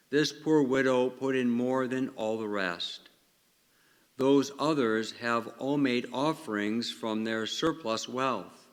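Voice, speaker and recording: A man, a parish priest, reads the Gospel and preaches in a plain-spoken way, asking the congregation questions, with a long cathedral echo around his voice. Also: medium pitch. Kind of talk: Gospel reading and conversational homily. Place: large church. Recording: long echo of a large church.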